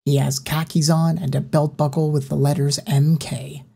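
A woman narrating a horror audiobook in an even, unhurried reading voice. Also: sits low, creaky, husky.

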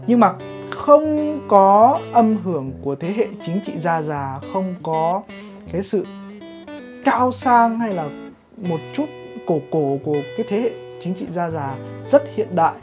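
A woman from Vietnam teaching English pronunciation in a vlog, explaining in a measured way. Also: mid-range voice, lively intonation. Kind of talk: vlog lesson commentary. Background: guitar music.

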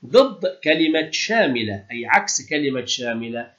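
Male teacher, patient and encouraging, reads words out clearly; dull lo-fi recording. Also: medium pitch, very animated, moderate pace, a bit bright. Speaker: Arabic teacher. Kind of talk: classroom lesson explanation.

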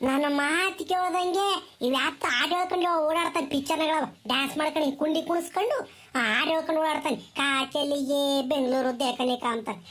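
A woman's voice: sits high, fast, fairly bright tone. A woman with a rural Tumakuru Kannada accent playing a strict, nagging village mother who scolds her son in a comedy skit. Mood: complaining.

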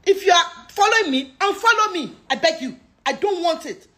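A woman's voice: extremely high pitch, animated, brisk, sharp tone. A middle-aged Nigerian woman with a Yoruba accent, talking straight to camera in an impassioned rant, pleading and scolding as she moves between English and Yoruba. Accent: Nigerian, Yoruba-speaking. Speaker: social media personality.

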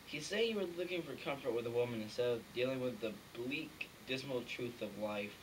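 A gloomy young emo, played by a young man in a homemade comedy sketch. He is bleak and deadpan, at a middling pitch, with slight background noise. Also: fairly quick, natural voice, low-quality recording. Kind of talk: amateur comedy sketch acting. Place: room in a house. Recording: home room, faint background noise.

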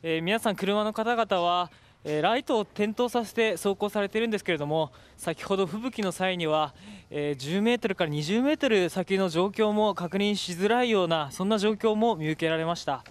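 A man working as a field reporter, giving a measured, explanatory live weather report. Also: high-pitched.

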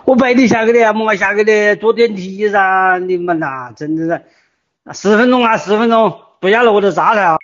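A man's voice: high-pitched, normal speed, fairly bright tone. An older man with a Wuhan accent, distraught and agitated, speaking insistently and repeating himself in informal voice messages. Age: older, near retirement. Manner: agitated, insistent, repetitive pleading and warning. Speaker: resident leaving voice messages in a group chat. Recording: muffled lo-fi phone voice messages.

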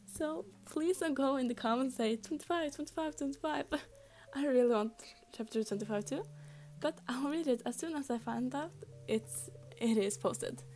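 A woman's voice: high-pitched, moderate pace, darkish tone, a little hiss or hum. A woman casually reading a fan story aloud, chatty, with frequent slips and restarts. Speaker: fan fiction reader.

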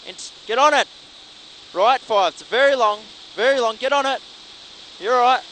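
A man co-driving in a rally car, calling rapid pace notes in urgent, clipped, repeated bursts. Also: very high-pitched, pushed and bright, low-quality recording. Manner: urgent, clipped, repetitive calls. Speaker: rally co-driver. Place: inside a moving rally car. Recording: in-car recording with clear vehicle noise.

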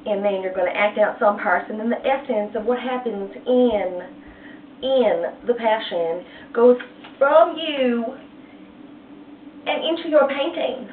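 A woman's voice: on the high side, lively intonation, a little slow, a little hiss or hum. Chatty woman teaching a painting lesson. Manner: chatty, playful, retells story in slang. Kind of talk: casual art lesson with storytelling. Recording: echoey, tinny, far from mic.

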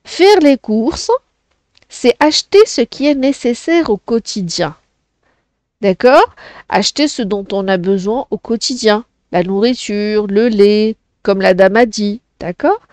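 A woman's voice: medium pitch, measured pace, a little mellow, no room sound. A woman teaching a French lesson to children, explaining patiently and often checking "d'accord?".

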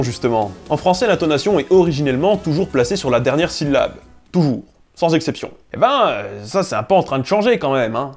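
A man's voice: on the high side, darkish tone. A young man hosting a linguistics explainer video, talking in a playful, ironic way with sarcastic asides. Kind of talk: scripted educational explainer.

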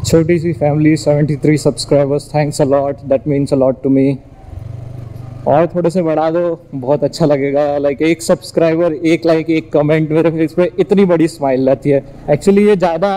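This young motovlogger with an Indian accent talks in a casual, chatty way while riding his motorbike outdoors along village roads, blending Hindi and English. He has a fairly high, warm voice with fairly even intonation and normal speed. Engine and road noise come through clearly on a rough recording.

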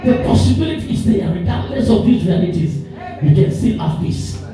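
In a church hall, a pastor speaking African English preaches at normal speed, expressive, with a voice somewhat high for a man. His rolling cadence repeats phrases and piles promise upon promise, declarations rising as his voice climbs. He's heard from a distance in a very reverberant space, music clearly playing behind him.

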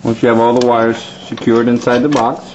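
With a fairly quick pace and level tone, a mid-range male voice guides viewers through DIY wiring step by step in a hands-on demo. He's a plumbing instructor, and the audio is dull lo-fi with a faint layer of noise.

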